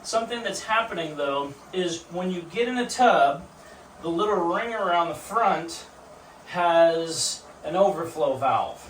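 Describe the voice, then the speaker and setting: A man with a somewhat high-pitched voice talks casually as he instructs from a tub of ice cold water. The bathroom rings with echo, and he sounds a little away from the microphone. He addresses the camera like a home vlogger. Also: expressive, measured pace, a bit bright, recorded from a distance. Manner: speaking while sitting in ice cold water. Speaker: vlogger demonstrating ice baths. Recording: echoey bathroom, off-mic, water noise.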